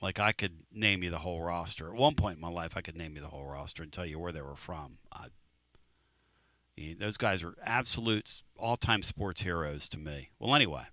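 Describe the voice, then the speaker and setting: A man's voice: low voice, a little fast, pushed and bright, no echo. A man hosting a sports talk radio show, telling a story in a casual, emphatic way and repeating phrases.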